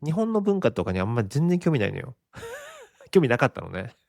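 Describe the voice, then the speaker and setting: A man's voice: fairly high pitch, huge pitch swings, a little fast, vocal fry, no echo, studio quality. A Japanese man in his forties hosting a casual solo podcast, rambling and chuckling often at his own expense. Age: 40s. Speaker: podcast host.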